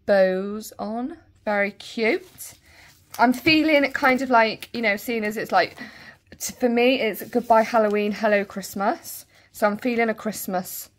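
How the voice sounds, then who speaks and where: A woman with a Bristol accent chatting casually as she unboxes a nail kit and thinks out loud. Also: mid-range voice. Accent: Bristol English. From Bristol, England. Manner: chatty, thinking aloud, trailing asides. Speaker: nail vlogger.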